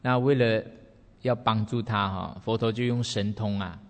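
Man, Buddhist teacher, relaxed storytelling, low voice, long hall reverb. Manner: relaxed, unhurried, with many sentence-final particles. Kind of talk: storytelling dharma talk.

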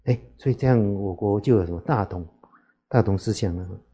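A man, a Buddhist monk, giving an unhurried dharma talk to lay listeners, often asking rhetorical questions. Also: on the low side, dark tone, slightly rough.

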